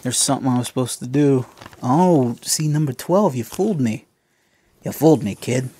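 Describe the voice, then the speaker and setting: A man's voice: medium pitch, animated, normal speed, dark tone, a little hiss or hum. A man chatting casually to viewers as he builds a toy kit, joking at his own expense and calling them folks. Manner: chatty, self-mocking, talks to viewers as folks. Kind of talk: casual unscripted build commentary.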